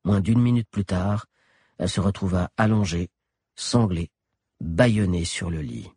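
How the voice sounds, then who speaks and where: A man narrating an audiobook with an expressive, dramatic delivery. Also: low voice, normal speed, breathy edge, no echo, clean studio sound.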